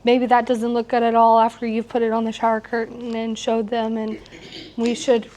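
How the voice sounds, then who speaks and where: A middle-aged woman with a slightly hoarse voice, teaching an informal hands-on quilting class. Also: on the high side, monotone, normal speed, a little mellow, rough recording. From United States, located in Missouri. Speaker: quilting instructor. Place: shop workroom with warehouse shelving, small seated class. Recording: clear background noise in shop room.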